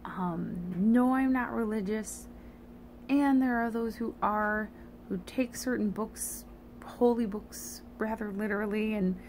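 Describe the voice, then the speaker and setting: A sleepy woman talks through a personal, meandering monologue at an unhurried, halting pace. Her voice is creaky and a little slurred, as a retainer sits in her mouth. Faint noise sits behind her. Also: mid-range voice, darkish tone. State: tired, sleepy. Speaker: vlogger. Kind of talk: rambling confessional monologue.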